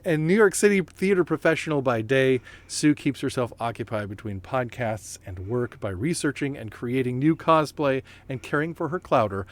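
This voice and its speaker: A man's voice: mid-range voice, no room sound. A man hosting a podcast in a casual chatty way, full of fillers, restarts and playful asides. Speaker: podcast host.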